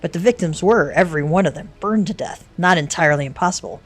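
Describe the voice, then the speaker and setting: A woman voicing a grave male guard captain from a fantasy game, earnest and solemn in a low voice. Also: fast, lightly acted.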